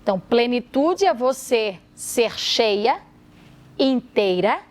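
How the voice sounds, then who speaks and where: A woman's voice: on the high side, lively intonation, slow pace. A woman, a guest therapist talking expressively and emphatically in a podcast conversation.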